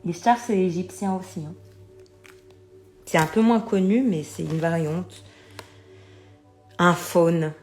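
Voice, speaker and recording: A woman's voice: on the low side, slow pace, pauses often, darkish tone, faint music behind. A middle-aged woman chatting casually to viewers about oracle cards, often checking they follow her with little asides. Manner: chatty, keeps addressing viewers, many fillers. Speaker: oracle card reader.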